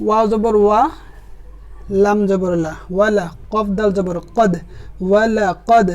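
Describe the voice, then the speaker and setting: A man teaching Quran reading, spelling out each letter and vowel mark and then drawing the words out slowly and patiently. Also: high voice, fairly even intonation, darkish tone. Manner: patient, addresses the viewer directly. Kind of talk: step-by-step spelling lesson.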